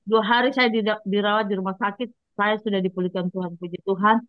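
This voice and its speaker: A woman's voice: mid-range voice, fairly even intonation, a little fast, no echo. A woman evangelist giving an earnest personal religious testimony, speaking straight to her listeners. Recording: dull lo-fi dry sound.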